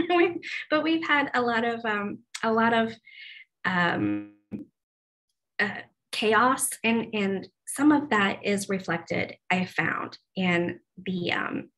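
On a video call, a woman in her forties presents web development to staff through her laptop mic, and the audio is poor. She has a fairly high pitch and a fairly bright tone. Her style is chatty, full of ums and restarts.

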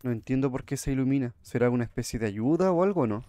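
A man's voice: mid-range voice, animated, fast, mellow. Jumpy gamer man. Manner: jumpy, chatty, talks to viewers. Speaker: gamer streamer. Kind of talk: horror game commentary.

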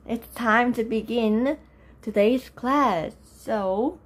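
A young woman with a voice gone low and rough from just waking up, teaching a live online class. She chats with viewers, greets them by name and laughs often. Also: extremely slow. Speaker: Korean language teacher. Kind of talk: live-streamed lesson with chat.

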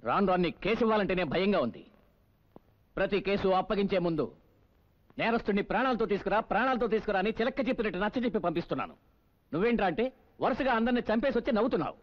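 An actor playing an exasperated senior police officer in a dubbed film, lecturing a subordinate. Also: male voice, sits high, expressive, racing, dull audio. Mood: scolding. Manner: scolding, lecturing. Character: stern, exasperated male police superior.

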